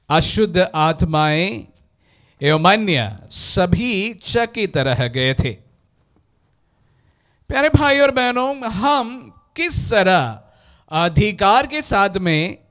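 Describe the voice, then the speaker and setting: Slow, smooth-voiced priest preaching. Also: male voice, high-pitched, a bit bright. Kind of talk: gospel reading and homily at Mass. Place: church.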